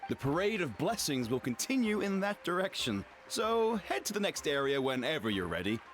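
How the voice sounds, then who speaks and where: High-voiced, eager festival herald. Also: male voice, big pitch swings, normal speed. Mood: friendly, eager. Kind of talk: animated video game voice acting. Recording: music behind the voice.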